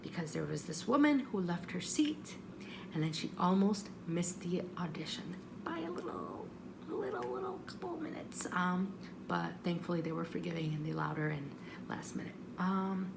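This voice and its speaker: On what sounds like a homemade recording with a noisy background, a woman vlogger rambles through a personal story in a fairly low, creaky voice at normal speed. She's expressive and casual, often apologizing or poking fun at herself.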